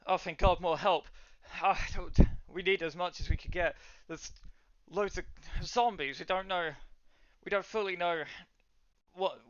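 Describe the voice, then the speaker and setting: A man's voice: high voice, a bit bright, dry recording, highs cut off. A man doing a frightened town guard. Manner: urgent, pleading, halting restarts.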